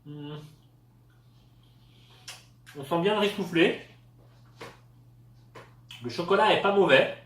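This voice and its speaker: Casual male reviewer from France, halting delivery full of fillers, somewhat high voice, echoey room, off-mic. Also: a bit bright, distant mic. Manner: hesitant, many fillers. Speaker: product tester.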